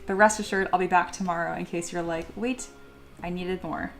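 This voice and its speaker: Faint music plays behind a young adult woman whose voice is on the low side, fairly quick and fairly even in intonation. She chats casually on a live stream from her home studio while sculpting, reading viewer messages out loud and laughing often.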